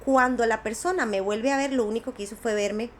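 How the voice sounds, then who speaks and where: A woman recounts a hard personal story, high-voiced and intense. She slips into the voices of the people she quotes as she goes. A faint noise runs beneath the recording. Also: a little fast. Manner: vivid retelling, acts out quoted voices. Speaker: podcast guest, doctor.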